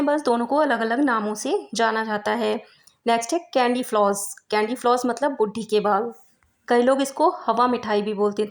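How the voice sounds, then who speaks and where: A woman teaching an English vocabulary lesson who explains word differences, spells words out letter by letter and reads English sentences slowly and carefully. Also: a little high.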